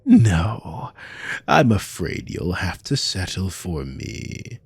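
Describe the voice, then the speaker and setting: A man playing a cruel, haughty naga army commander in an ASMR role-play, slow and domineering, with a gravelly, breathy voice. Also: low-pitched, huge pitch swings, no echo, heavily acted. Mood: haughty, contemptuous. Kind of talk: scripted ASMR role-play monologue to a captive listener.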